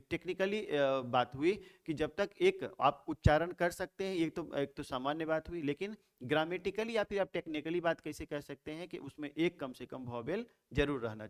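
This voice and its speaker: A man teaching English grammar in a Hindi lecture, asking rhetorical questions and answering them himself, repeating key terms slowly. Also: on the high side.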